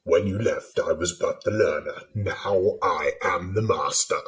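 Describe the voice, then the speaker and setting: A man doing a slow, deep menacing villain impression, speaking into a drinking glass so his voice sounds hollow and resonant. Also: slightly rough, exaggerated voice. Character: deep menacing armored male villain, mock-grand. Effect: spoken into a drinking glass for hollow resonance. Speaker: podcast co-host. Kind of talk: playful impression in a casual chat.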